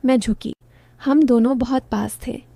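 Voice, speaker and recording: Soft-voiced woman narrating a story. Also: fairly high pitch, fairly even intonation, a little slow, gravelly, dry recording. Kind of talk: first-person story narration.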